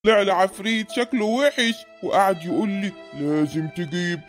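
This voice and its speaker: A man's voice: sits high, fairly quick, faint music behind, lightly acted. A man voicing a frightened, stingy father in an Egyptian cartoon, grumbling with an Egyptian accent. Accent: Egyptian Arabic.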